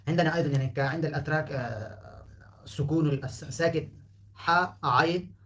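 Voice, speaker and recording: A man's voice: on the high side, a little fast, fairly bright tone. Man teaching, Pashto native. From Afghanistan. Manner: explains patiently, repeats words to show pronunciation. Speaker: language teacher. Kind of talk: casual spoken lesson.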